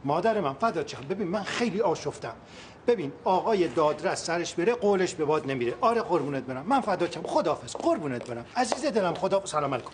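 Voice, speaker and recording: A flustered fussy caretaker. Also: male voice, fairly high pitch, sing-song, a little hiss or hum. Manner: flustered, fussing, rambling. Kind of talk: TV drama acting.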